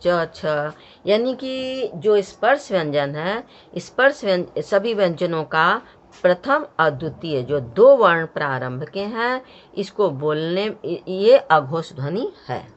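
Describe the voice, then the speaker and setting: A woman's voice: fairly low pitch, very animated, slow pace. A woman teaching a grammar lesson, explaining step by step and sounding out each letter for the learner. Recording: dull, muffled lo-fi sound.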